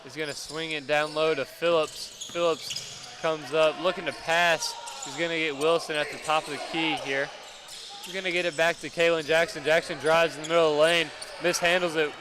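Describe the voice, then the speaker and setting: A man's voice: on the high side, fairly even intonation. Young man calling basketball play-by-play. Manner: quick calls that rise when plays happen. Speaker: play-by-play commentator. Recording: noisy gym ambience. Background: gym crowd and bouncing basketballs.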